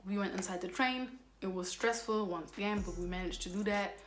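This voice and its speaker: With a brisk, medium-pitched voice, this young vlogger retells a story in a rambling, exasperated, casual way, often correcting herself. Somali is her first language, and the audio carries roomy echo plus faint background music.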